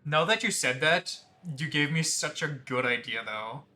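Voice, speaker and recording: A man's voice: on the high side, expressive, normal speed, pushed and bright, soft background music. A man giving casual livestream game commentary, joking and rambling as he goes. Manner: joking, rambling, reads game text aloud. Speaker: VTuber streamer.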